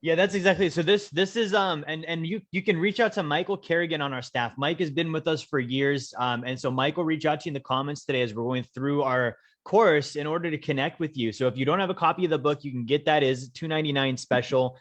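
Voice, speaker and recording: Measured man hosting a money webinar. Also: a little high, fairly bright tone. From Alaska. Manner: measured, slows to stress key points, frequent "um" and "okay?". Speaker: host, wealth coach. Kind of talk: casual webinar presentation.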